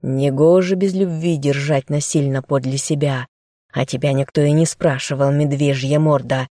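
A woman's voice: a bass voice, fairly even intonation, moderate pace, mellow, no echo, studio quality. Woman reading a smug young traitor. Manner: smirking, coaxing.

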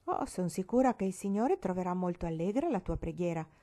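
Una lettrice che fa una bambina seria e sensibile. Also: female voice, fairly low pitch, lively intonation, fairly quick, warm tone, close to an everyday voice. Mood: earnest. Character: earnest sensitive little girl. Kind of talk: audiobook reading.

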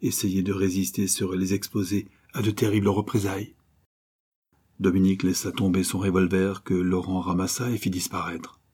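Husky low-voiced male storyteller. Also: little pitch movement, normal speed, dark tone. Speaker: audiobook narrator. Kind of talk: scripted narration.

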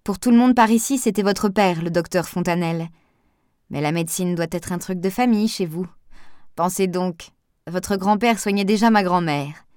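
A woman's voice: lowish voice, normal speed, darkish tone, clear, resonant tone, no room sound, clean studio sound, lightly acted. A woman voicing a gossipy elderly village woman who talks in a confiding, old-fashioned way.

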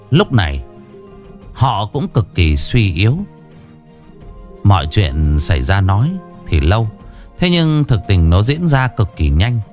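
A man's voice: fairly low pitch, darkish tone. A man narrating a story in a vivid, dramatic way.

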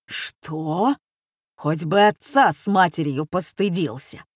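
A woman's voice: fairly low pitch, slow, husky, no room sound, studio quality. Woman doing a pompous retired captain. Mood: indignant. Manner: pompous, blustering. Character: retired middle-aged captain father, fussy, easily flustered.

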